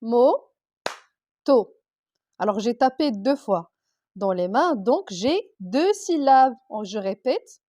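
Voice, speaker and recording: Primary school teacher, female, slightly high voice, patient and deliberate, breaks words into sounds. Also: big pitch swings, mellow, slight background noise. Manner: slow, clear, sounding out letters and syllables for young children. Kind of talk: primary school reading lesson.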